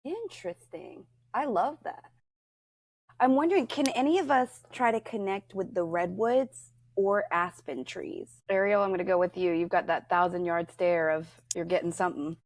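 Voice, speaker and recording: A woman's voice: medium pitch, normal speed, dry recording, studio quality. A woman hosting a casual group conversation, giving brief, encouraging prompts to the others. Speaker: host leading the session.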